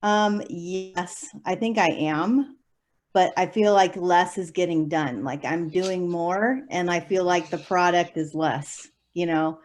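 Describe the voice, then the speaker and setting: Speaking slowly in a lowish, somewhat dark voice, a young adult special education preschool teacher responds to an interviewer. She's chatty, using plenty of fillers and laughing lightly.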